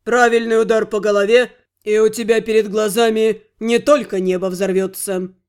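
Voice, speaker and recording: A woman's voice: medium pitch, level tone, normal speed, darkish tone, clear, resonant tone, voice pushed down, close to an everyday voice. Woman voicing a scornful, menacing male fairy lord. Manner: cold, contemptuous, sarcastic. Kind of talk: audiobook character voice.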